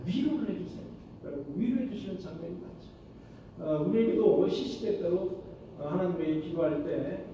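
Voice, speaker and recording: A man's voice: on the high side, dark tone, slight background noise. A man preaching a sermon as pastor, often asking the congregation questions and answering them himself. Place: church sanctuary. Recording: echoey church hall from far off.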